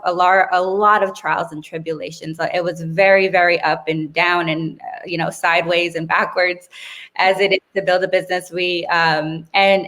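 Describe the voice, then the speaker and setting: A woman's voice: on the low side, fairly bright tone. Chatty woman telling her story. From Brazil, raised in South Florida. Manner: chatty, frequent restarts, laughs easily. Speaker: guest expert. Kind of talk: casual interview storytelling.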